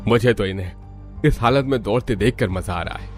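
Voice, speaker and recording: A man's voice: lowish voice, fairly quick, lightly acted. A man voicing a gloating, vindictive villain boss in a cartoon family story. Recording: music under the voice.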